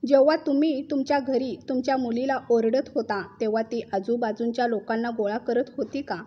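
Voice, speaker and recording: A woman voicing a calm middle-aged mother-in-law who answers in a measured way. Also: fairly high pitch, highs cut off, a little hiss or hum, natural voice. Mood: firm.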